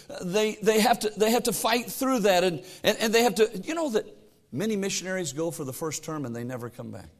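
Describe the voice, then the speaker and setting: A middle-aged pastor delivers a sermon, his slightly high voice swinging from loud exhortation to quiet asides as he reads scripture aloud in a raised tone.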